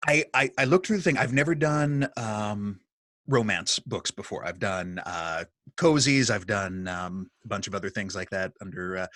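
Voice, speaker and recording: Bright-voiced nerdy man, self-deprecating. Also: on the low side, dry recording. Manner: self-deprecating, hesitant with many restarts. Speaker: audiobook narrator. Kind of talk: casual video-call conversation. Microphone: studio microphone.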